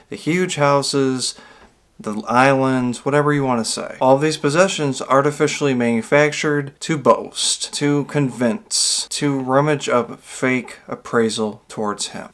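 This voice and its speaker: A man with a small video channel giving an earnest, rambling motivational monologue, drawing out key words for emphasis. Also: mid-range voice.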